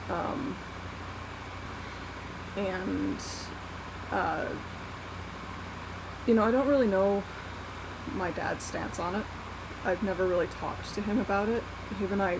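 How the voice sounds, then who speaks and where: Young adult vlogger, slow, candid and self-deprecating delivery, recorded on a laptop with a loud fan running. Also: medium pitch, background noise. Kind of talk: casual unscripted confessional vlog, one take. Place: small warm bedroom at night. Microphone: laptop built-in mic. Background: whirring fan.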